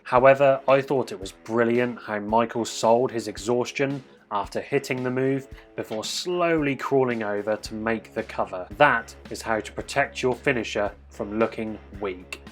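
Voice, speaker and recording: A man's voice: mid-range voice, moderate pace, few pauses, faint music behind. A man reading a scripted voice-over review of a wrestling match, analytical and enthusiastic.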